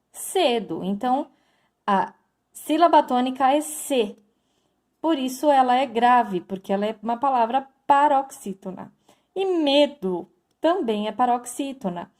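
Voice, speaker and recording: A woman's voice: a little high, a little mellow. A woman teacher giving a recorded lesson, explaining step by step and addressing her students directly. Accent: Brazilian Portuguese.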